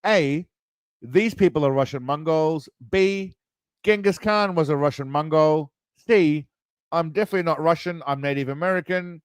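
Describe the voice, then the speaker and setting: A man's voice: fairly high pitch, moderate pace, clean tone, no room sound. Tipsy man hosting a rambling quiz stream. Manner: rambling, loose, swearing, reads quiz options aloud. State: tipsy, self-described as wasted. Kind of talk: casual livestream chat.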